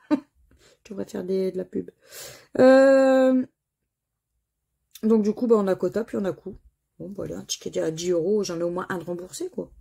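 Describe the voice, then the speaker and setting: A woman's voice: medium pitch, moderate pace, vocal fry, pauses often, dark tone, breathy edge. A woman with a French accent chatting to viewers while she scratches crossword lottery tickets and reads out letters and words.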